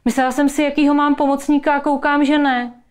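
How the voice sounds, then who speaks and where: A woman's voice: high voice, darkish tone, pitched above the performer's own voice, natural voice. A woman voicing a worried, reproachful young mother talking to her small child. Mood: scolding. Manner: anxious, reproachful.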